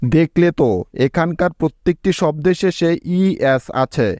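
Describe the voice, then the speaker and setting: A man teaching English pronunciation in a slow, step-by-step lesson, spelling out words letter by letter and checking often that the listener follows. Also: on the high side, darkish tone, no room sound.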